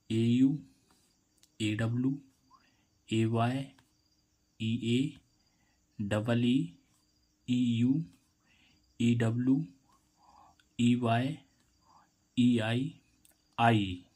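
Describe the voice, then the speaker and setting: Male online tutor, slow and deliberate, repeats each answer for the viewers. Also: mid-range voice, dark tone. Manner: slow, repetitive, quizzing the viewers. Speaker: English teacher. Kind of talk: Hindi-medium pronunciation lesson.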